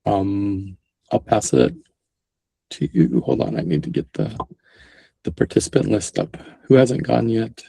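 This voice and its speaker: Gravelly low-voiced man on a call. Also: sing-song, unhurried, long pauses, dark tone, dry recording, poor audio. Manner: easygoing, lots of ums. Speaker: community participant. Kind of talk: casual online meeting chat.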